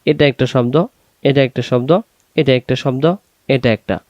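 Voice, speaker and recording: A man's voice: mid-range voice, steady tone, moderate pace, darkish tone, no echo, highs cut off. A man teaching Quran reading with a Bangladeshi Bengali accent, spelling out syllables one by one and then chanting the whole word drawn out. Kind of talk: step-by-step recitation lesson.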